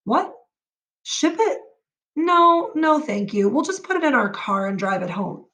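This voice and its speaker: A woman's voice: measured pace, full character voice. Woman reading as a playful, jokey dad. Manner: lively, theatrical, raises pitch for the lines. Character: playful father, a grown man, joking with his kids.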